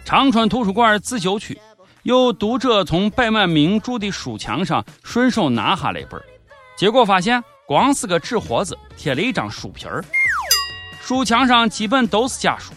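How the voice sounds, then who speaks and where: Animated, sardonic man with a Shaanxi accent. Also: high voice, normal speed. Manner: sardonic, mock-serious. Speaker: host of a satirical news commentary show. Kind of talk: comedic scripted news commentary. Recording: background music under the voice. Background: music.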